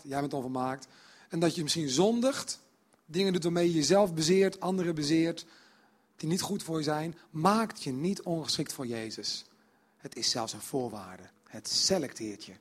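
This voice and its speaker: A male preacher giving a sermon, animated, acting out quoted dialogue between characters. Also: a little high. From Netherlands.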